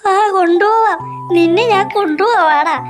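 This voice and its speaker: A teasing old Santa Claus doll, played by a woman, with a very high voice over clear background music. He jokes playfully. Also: normal speed.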